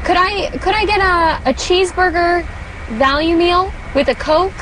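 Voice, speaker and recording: A woman's voice: very high-pitched, moderate pace, a bit bright. A woman ordering food at a drive-through from inside a car, polite and a little hesitant, with small fillers. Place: inside a car on a highway at night. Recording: noisy car interior.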